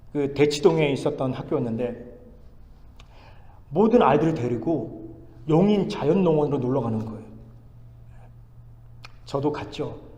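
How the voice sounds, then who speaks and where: Man, pastor, sermon storytelling, fairly high voice, roomy sanctuary sound. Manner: storytelling, swings between loud exclamations and hushed asides. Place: large church sanctuary. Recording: echoey church hall, long reverb.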